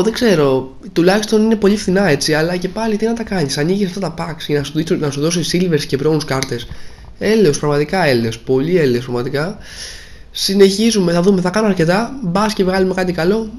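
A young man casually commenting on a video game, grumbling and disappointed, his voice a little hoarse. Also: high-pitched, a little mellow. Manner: grumbling, disappointed, repeats himself. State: slightly hoarse. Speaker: gaming video creator.

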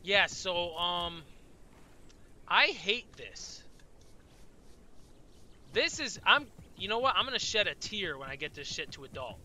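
A man's voice: high voice, lively intonation, moderate pace, hardly any pauses, pushed and bright, slight background noise. A man live-streaming a game, chatting loosely with viewers, swearing often and sounding tired. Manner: profane, rambling, talks to chat. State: tired, yawning. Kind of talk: casual live-stream commentary.

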